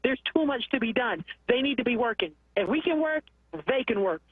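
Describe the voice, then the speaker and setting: A caller speaks with rising conviction, stacking short repeated phrases like a preacher. The phone line is muffled and thin, and his voice comes through a little husky. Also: extremely high pitch, expressive, brisk, dry recording. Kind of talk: impassioned call-in plea.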